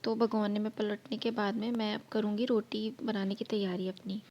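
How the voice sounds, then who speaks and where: A woman's voice: medium pitch, level tone, moderate pace, darkish tone, dull audio. A woman narrating her cooking vlog, explaining each step in a chatty way, her throat slightly sore. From India. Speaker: vlogger.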